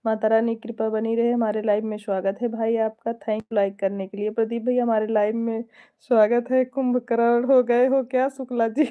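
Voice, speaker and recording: A woman's voice: on the high side, muffled recording. A woman who sings folk songs, chatting casually on a live stream with an Awadhi-tinged Hindi accent, reading viewer comments aloud, chuckling often and trading devotional greetings. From Awadh region of India.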